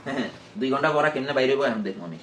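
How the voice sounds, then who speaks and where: A man's voice: medium pitch, lively intonation, very fast, a bit bright. A male teacher giving a classroom lesson, patiently repeating phrases for his students. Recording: echoey classroom, faint noise.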